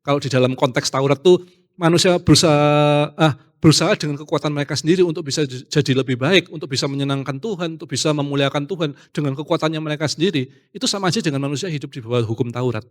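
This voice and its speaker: A man preaching a casual youth sermon, animated, acting out quoted voices and slipping in English phrases. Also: fairly high pitch, fast talker.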